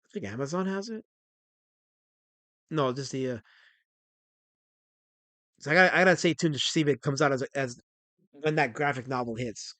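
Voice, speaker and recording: A man in his forties hosting a casual livestream, excitable and rambling as he reads chat messages aloud. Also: mid-range voice, normal speed, pauses often, dry recording. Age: 40s. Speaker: livestream host.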